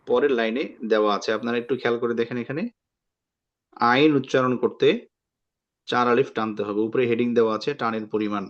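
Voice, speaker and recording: A man's voice: medium pitch, dull audio. A man teaching an online Quran reading class, patiently explaining and repeating each letter sound for students to copy.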